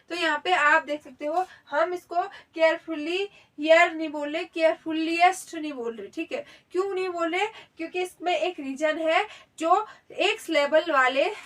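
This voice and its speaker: A woman's voice: high-pitched, a bit bright, distant mic. A woman teaching a grammar lesson, explaining step by step and checking in often. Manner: explains step by step, repeats "theek hai" often.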